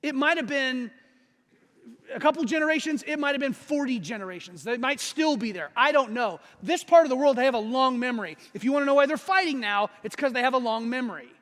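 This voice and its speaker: A man in his forties preaches a sermon to his congregation in a casual, joking way, acting out the people in his stories. His voice sits very high for a man. It rings out with a long echo through a church hall. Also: lively intonation, quick pace, fairly bright tone. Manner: conversational, jokey, acts out voices of characters. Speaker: pastor. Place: church sanctuary.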